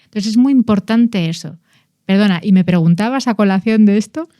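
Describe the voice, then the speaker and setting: A woman's voice: medium pitch, a little fast, dark tone, dry recording, clean studio sound. A woman who is a guest on a podcast, explaining nonverbal communication in a conversational way and stressing key words with frequent restarts. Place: podcast studio.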